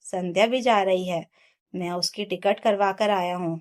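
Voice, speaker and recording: Female narrator doing a resolute young husband, earnest storybook voice, mid pitch. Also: fairly even intonation, normal speed, natural voice. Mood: firm. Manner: firm, earnest.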